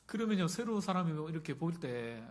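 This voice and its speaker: A middle-aged pastor preaching in a chatty, personal way and often turning to the congregation with questions. His voice sits a little higher than most men's. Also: big pitch swings, quick pace, a little mellow. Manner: conversational, asks the congregation questions. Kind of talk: sermon.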